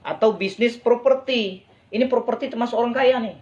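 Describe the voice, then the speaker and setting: A man's voice: very high voice, a little fast, a little mellow, highs cut off. A man giving a persuasive business talk to a live online audience, often asking listeners whether they agree and repeating phrases for emphasis. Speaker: business motivational speaker.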